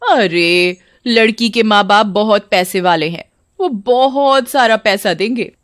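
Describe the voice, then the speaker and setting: A woman's voice: medium pitch, takes it slowly, no room sound, clean studio sound, close to an everyday voice. A woman voicing a coaxing, persuasive middle-aged matchmaker from a village.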